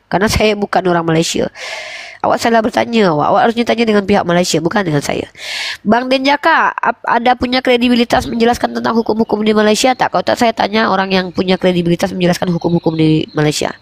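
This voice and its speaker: A woman's voice: mid-range voice, fast talker, vocal fry, dry recording, studio quality. A woman from Indonesia hosting a live online debate, firm and insistent, cutting in to keep order. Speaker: host of a live debate room.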